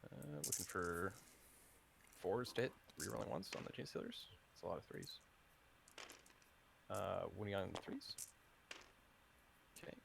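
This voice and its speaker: A man's voice: sits low, expressive, measured pace, gravelly, pauses often, slight background noise. A man playing a tabletop wargame, calling out his dice rolls with hesitant fillers. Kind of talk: casual game commentary.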